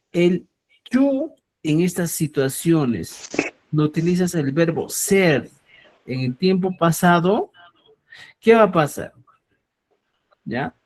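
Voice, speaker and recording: Male language teacher, high animated voice, slow and deliberate delivery, checks understanding often. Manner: explains slowly, checks in with a frequent "¿ya?"; addresses listeners as "estimados amigos". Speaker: Quechua teacher. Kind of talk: online grammar lesson.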